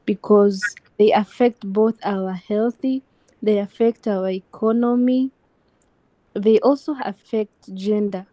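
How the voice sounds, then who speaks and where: Slow, mellow-voiced Tanzanian woman panelist. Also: mid-range voice, dry recording, low-quality recording. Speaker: panel speaker. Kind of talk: discussion panel talk.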